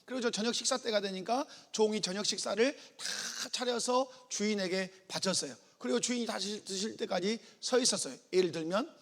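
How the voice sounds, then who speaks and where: High-voiced pastor preaching in a hall. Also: male voice, fairly quick, few pauses, a bit bright. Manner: preaching with acted-out dialogue and call-and-response. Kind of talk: sermon. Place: church sanctuary.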